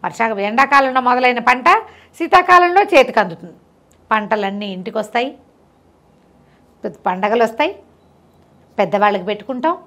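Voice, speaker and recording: A woman voicing a gentle, meek old village grandmother who speaks softly and fondly in a storybook tale. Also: a little high, animated, brisk, long pauses. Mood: fond, soothing. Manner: soft, affectionate and praising.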